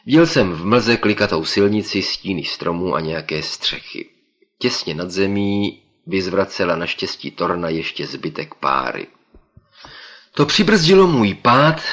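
A male audiobook narrator with a very low, deep voice. He tells a first-person story in steady, measured scripted narration, with an even, unhurried flow. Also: highs cut off.

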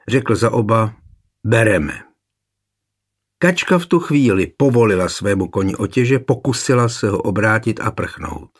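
A man narrating a historical novel in an expressive storytelling way. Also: mid-range voice, slightly rough. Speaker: audiobook narrator.

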